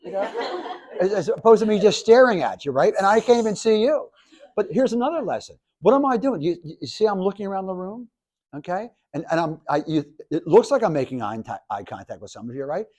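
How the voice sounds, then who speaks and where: A man in his seventies, a professor giving a lively, jokey classroom lecture to students, with many restarts. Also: high-pitched, brisk. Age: 70s. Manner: animated, jokey, talks to the audience, restarts often. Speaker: professor and speaker.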